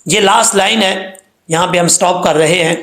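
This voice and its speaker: High-voiced man teaching Quran pronunciation. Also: a bit bright, roomy sound. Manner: explains rules patiently, then chants words slowly to model them.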